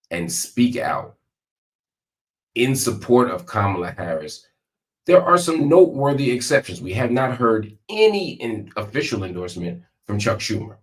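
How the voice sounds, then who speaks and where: Male live-stream political host, low voice, emphatic and conversational, leaning on repetition, recording in a hospital room. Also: poor audio. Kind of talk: live political commentary, direct address to viewers.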